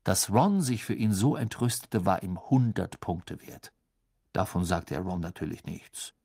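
A man narrating an audiobook in an expressive storytelling voice, recorded close in a studio. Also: deep voice, a little slow, vocal fry, breathy edge, no echo. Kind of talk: scripted narration.

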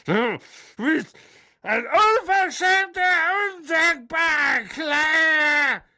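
A drunken, spiteful aunt who mocks with a slurred, shrill edge, put on by an audiobook reader. The voice soars high and swings wildly. It is bright and cutting. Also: sing-song, slow, full character voice. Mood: furious. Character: drunk, spiteful, loud middle-aged aunt.

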